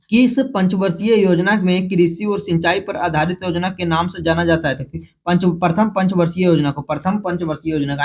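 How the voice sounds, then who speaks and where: Going fast through multiple-choice questions, a high-pitched teacher with vocal fry and a Jharkhand Hindi accent repeats every question, then names the answer letter. His hurried review is full of restarts and self-corrections.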